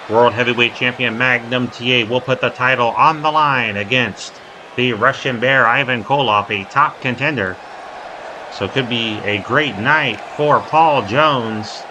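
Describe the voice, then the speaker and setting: A man's voice: mid-range voice, pushed and bright, poor audio. Male wrestling commentator over background noise. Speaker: wrestling commentator and show host. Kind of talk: sports play-by-play commentary. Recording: clear background noise behind the voice.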